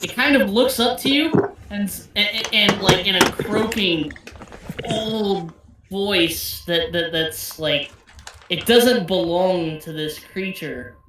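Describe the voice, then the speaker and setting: Woman game master, halting improvised narration, mid pitch, heavily reverberant recording. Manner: halting, searching for words. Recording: very echoey with faint noise.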